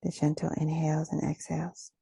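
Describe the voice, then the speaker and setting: Speaking in a low-pitched, monotone, breathy voice, a woman leads a meditation softly and without hurry, soothing and gentle, with gaps between phrases. There is no room sound.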